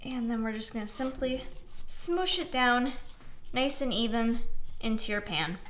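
A woman's voice: fairly high pitch, expressive, measured pace, a bit bright, a little hiss or hum. A young woman hosting a casual cooking show in her home kitchen, chatting and encouraging viewers as she mixes and cuts. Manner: chatty and encouraging, talks while mixing and cutting.

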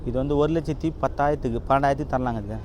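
A man's voice: mid-range voice, steady tone, very fast, a little mellow, soft background music. A man, a used car dealer, making an earnest, pleading appeal straight to his viewers, repeating himself as he urges them on. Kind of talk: emotional direct-to-camera appeal.

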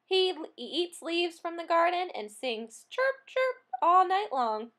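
An eager young schoolboy chattering about his pet, as a woman reads him. The voice rides high with a lively, bouncing lilt, unhurried like a bedtime story. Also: exaggerated voice. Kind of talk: storybook read-aloud.

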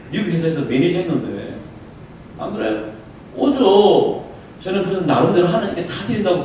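Middle-aged male pastor, high lively voice, preaching from afar in a roomy church hall with faint hiss. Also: distant mic. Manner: swings from low confiding tones to loud impassioned preaching; asks the congregation rhetorical questions. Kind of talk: revival sermon with personal testimony. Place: church sanctuary.

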